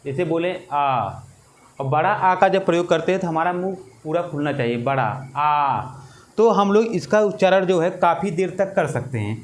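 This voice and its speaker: Guy teaching exam prep, slightly high voice, slow and repetitive, drags out the vowels. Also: darkish tone.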